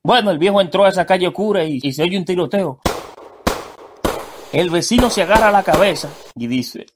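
A man narrating a joke on the radio in a brisk, animated way. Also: high voice, background noise. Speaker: joke teller. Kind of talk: comic storytelling on radio.

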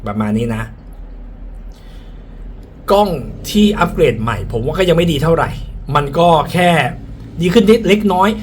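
A man's voice: fairly high pitch, big pitch swings, moderate pace, pauses often. A man speaking through a face mask, slightly muffled, giving a frank, casual product review and often repeating his points. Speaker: tech reviewer. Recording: clear background ambient noise.

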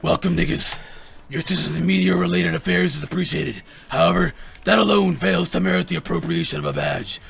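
A man puts on a robot voice for a cold, formal female gym leader, pitched high and grinding with heavy gravel. The delivery is stiff and mechanical, every sentence clipped and precise like a machine. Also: a little fast, fairly bright tone, a little hiss or hum, full character voice. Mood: robotic formal. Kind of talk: roleplaying a game character for friends.

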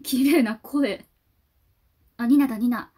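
A woman YouTuber giving casual fan reaction commentary on a music video, gushing and excitable, talking half to herself. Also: a little high, slow, husky.

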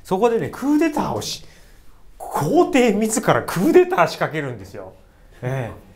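A man teaching a casual history lesson in an animated, joking way, with blunt asides. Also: sits high, moderate pace.

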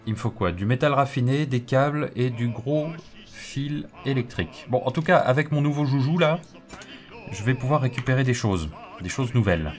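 Hosting a let's play over game music, a man chats casually and jokingly while thinking aloud through the game. He speaks at medium pitch and a normal speed.

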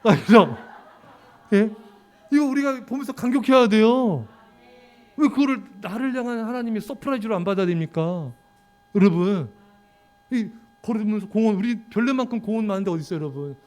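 A male pastor preaching an afternoon sermon, joking with and teasing the children in the pews and sometimes shouting at them to be quiet. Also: high voice, lively intonation, brisk, long pauses. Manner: breaks into sudden shouts for quiet.

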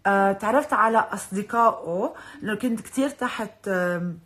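A woman's voice: mid-range voice, brisk, a bit bright. A chatty woman with a Lebanese accent, talking casually into her phone on a live stream. She drops English words into her talk and laughs easily. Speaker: social media personality hosting a live stream.

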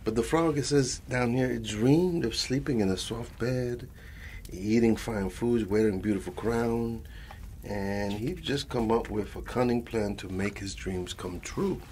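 This is a man playing a tender old grandfather with a Latin American Spanish accent in an ASMR bedtime story, speaking softly, wandering off-topic, repeating affectionate names, and mixing English with Spanish. He sounds gentle and engaged, with a medium pitch close to his everyday voice and a slightly slow delivery. A little hiss or hum can be heard.

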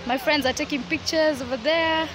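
A woman's voice: high voice, fairly even intonation, brisk. A young woman travel vlogger speaking casually to her phone camera outdoors, upbeat and chatty, addressing viewers directly. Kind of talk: casual vlog narration to camera. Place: outdoors by a river and at a campsite. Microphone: phone camera at arm's length. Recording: music and crowd noise behind. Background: loud background music and chatter.

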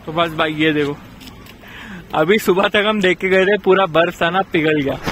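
On a mountain trail, a young travel vlogger talks casually to his audience through a handheld camera, calling them bhai, or brother. His voice is a little high and fairly bright at a moderate pace, with slight background noise.

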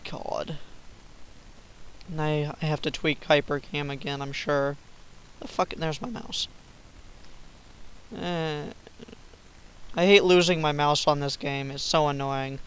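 A young man giving casual, silly commentary over his own gameplay, swearing often and breaking into yells. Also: a little high, fairly even intonation, slow pace, pauses often, slight background noise, rough recording. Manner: swearing, silly, bursts of yelling. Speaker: gamer recording gameplay.

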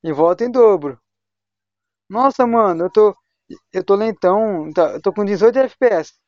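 A man's voice: sits high, expressive, normal speed, no echo. Slangy young man streaming games. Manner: slangy, chatty, talks to voice chat while playing. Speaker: gaming livestreamer. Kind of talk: casual live gaming chat. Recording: dull, lo-fi home stream mic.

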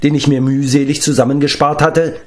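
A man's voice: a little high, level tone, fairly quick, voice pushed up, natural voice. A man voicing a whiny, self-pitying male giant in an audiobook reading, wailing his complaints.

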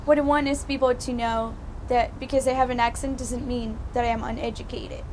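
A woman's voice: fairly high pitch, flat delivery, fairly quick, darkish tone, a little hiss or hum. A woman speaking directly and assertively in a documentary interview.

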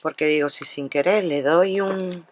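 A woman's voice: low-pitched, measured pace, background noise. A woman from Spain chatting through her craft shopping haul at a table, talking straight to her viewers and often restarting her sentences. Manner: chatty, addresses viewers directly, lots of restarts. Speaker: craft vlogger. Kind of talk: casual haul narration.

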